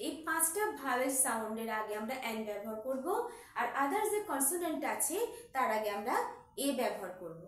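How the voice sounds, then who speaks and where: A woman's voice: on the high side, animated, normal speed. A woman teacher with a Bengali accent, explaining a grammar lesson step by step, repeating examples and putting questions to her class. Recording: echoey room, distant mic.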